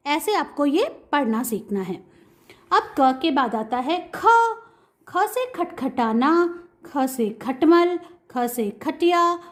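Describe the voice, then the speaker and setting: A woman teaching a kindergarten Hindi class, sounding out letters and words slowly so children can repeat after her. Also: sits high. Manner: slow, drawn-out syllables, call-and-repeat drilling. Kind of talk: online lesson for young children.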